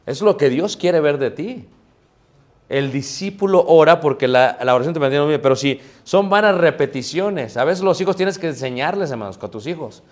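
Pastor preaching with lively questions. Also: male voice, fairly high pitch, normal speed. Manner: conversational preaching, addresses congregation as brothers, rhetorical questions. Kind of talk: sermon.

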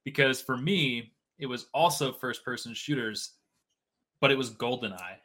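A young man in his late twenties chats casually as a podcast co-host. His voice is bright and forceful, and he rambles along with plenty of fillers. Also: mid-range voice, moderate pace. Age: 20s. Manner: chatty, rambling, many fillers. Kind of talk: casual chat.

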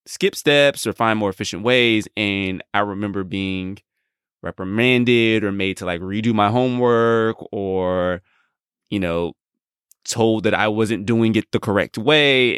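A man co-hosting a podcast, explaining things in a reflective, measured way in casual chat. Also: lowish voice, a bit bright, clean tone, no room sound, studio quality.

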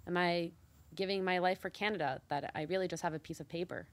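Speaking fast in a fairly low voice, this Mexican woman co-hosts a laid-back talk show, with no room sound in the recording. Her chat is sincere and thoughtful, packed with filler words.

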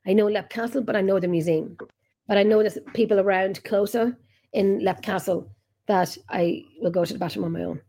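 An Irish-accented woman, a podcast host and paranormal investigator, hosts a casual video-call chat in a mid-range, dark-toned voice at a fairly quick pace. Chatty by nature, she tells long rambling stories and keeps interrupting herself.

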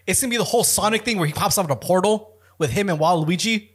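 A man with a fairly high voice, chatting on a podcast. He makes his case firmly, pushing his opinions and theories. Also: fast talker, slightly rough. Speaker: podcast co-host. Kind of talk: casual chat.

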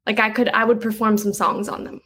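A young woman talking casually about her music in an interview, chatty and quick to laugh, with lots of "like" in her speech. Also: medium pitch, level tone, sharp tone, breathy edge, rough recording. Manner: chatty, uses "like" a lot, laughs easily. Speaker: guest musician.

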